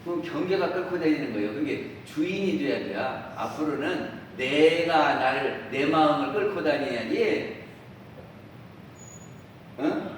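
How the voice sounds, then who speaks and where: Animated and unhurried, a Won Buddhist minister with a voice on the high side addresses his congregation in a temple dharma hall. He keeps asking listeners questions and acting out everyday remarks, while heavy echo, a distant voice, and faint hiss mark the audio.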